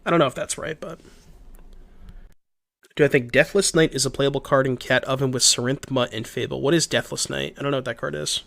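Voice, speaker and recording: His pitch sits in the middle and his tone stays steady, but he moves briskly, with a creaky, fairly bright quality. The young man sounds congested and slightly hoarse while giving relaxed card-game commentary on stream, musing aloud, answering chat, and frequently starting over.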